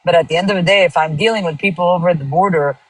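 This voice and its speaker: A woman's voice: on the low side, racing, slightly rough, rough recording. A woman from Israel, a guest on a live stream, arguing politics insistently and talking over others. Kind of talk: heated political debate.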